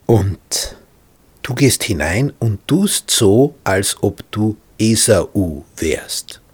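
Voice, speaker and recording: A man voicing Rebekka, a scheming mother who speaks in a hushed, conspiratorial whisper. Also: fairly low pitch, animated, extremely slow, breathy edge, no room sound, heavily acted.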